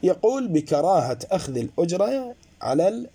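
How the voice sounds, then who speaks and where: A man's voice: big pitch swings, normal speed, mellow, husky. A man giving a jurisprudence lecture, explaining points to his students and calling them brothers. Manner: explanatory, addresses students as brothers, rises and drops in pitch. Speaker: seminary teacher.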